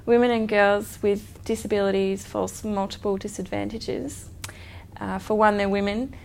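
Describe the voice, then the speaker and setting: Woman, gravelly, hesitant advocate, faint hum behind. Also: mid-range voice, fairly even intonation, normal speed. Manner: hesitant, frequent fillers. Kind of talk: advocacy statement.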